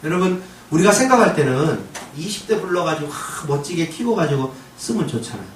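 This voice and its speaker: A male pastor delivers a sermon with a high, lively voice that swings widely in pitch. He acts out short quoted exchanges and pushes into emphatic exclamations. The sound is roomy and heard from some distance, with a faint hum of ambience behind. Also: brisk. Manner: preaching with acted quotes of God and Moses, rising to emphatic exclamations. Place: church sanctuary.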